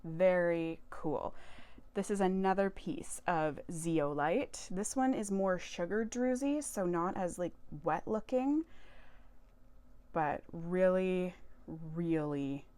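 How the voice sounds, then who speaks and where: A woman's voice: on the low side, slow pace, dark tone, clean tone. A woman chatting casually as she shows off a haul of crystals, enthusiastic and prone to correcting herself. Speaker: tarot and crystal vlogger. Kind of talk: casual show-and-tell haul.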